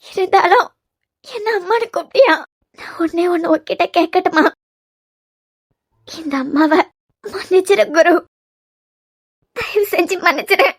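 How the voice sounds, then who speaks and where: Woman doing a grieving cartoon mother, Kanyakumari Tamil accent, pleading and tearful, very high voice. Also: unhurried, long pauses. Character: grieving elderly mother begging her lost son's forgiveness. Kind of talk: cartoon web series voice acting.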